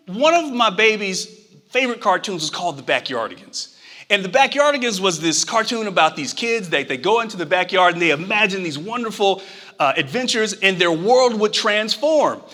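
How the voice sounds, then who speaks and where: A man with a strikingly bright, high voice that leaps up and down as he tells a story. He acts out the people in it, then drives home a motivational message with emphatic force. A long reverb trails behind his words. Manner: animated, acts out quotes, emphatic preaching close. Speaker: motivational speaker.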